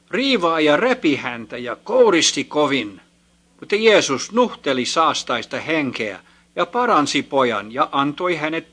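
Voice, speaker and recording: A man with a fairly high, bright voice reads scripture aloud. His narration is steady and measured and slows at the ends of verses. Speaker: scripture reader.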